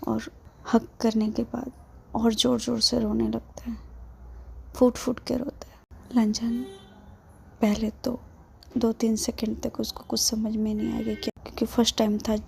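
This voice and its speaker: A woman casually retelling a drama story, relaxed, with fillers and English words mixed in. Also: fairly high pitch, a little slow, creaky, pauses often, a little hiss or hum.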